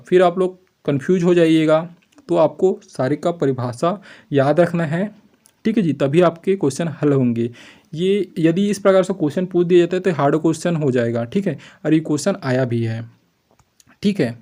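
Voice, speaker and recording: A man teaching an exam-prep lesson, explaining step by step, asking rhetorical questions and answering them himself, often checking in with his class and slowly drawing out vowel sounds as examples. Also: fairly high pitch, warm tone.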